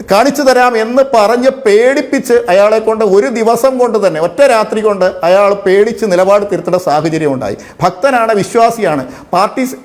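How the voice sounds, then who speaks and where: A man making a televised political debate argument, forceful, firing off rhetorical questions between hesitant fillers. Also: high voice. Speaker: debate panelist.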